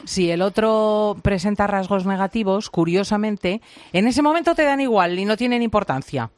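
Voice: mid-range voice, animated, moderate pace, no room sound. A host in a conversational talk who asks questions and adds comments. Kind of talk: radio-style conversation.

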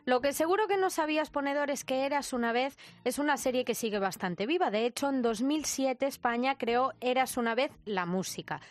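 A woman's voice: high-pitched, a little fast, soft background music. A woman with a Spanish accent from Spain presenting a semi-scripted feature.

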